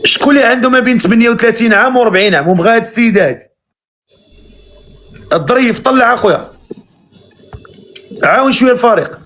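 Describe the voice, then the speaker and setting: A man with a Moroccan Arabic accent hosting a live matchmaking stream, briskly directing callers. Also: very high-pitched, expressive, fairly bright tone, a little hiss or hum. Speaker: live matchmaking show host.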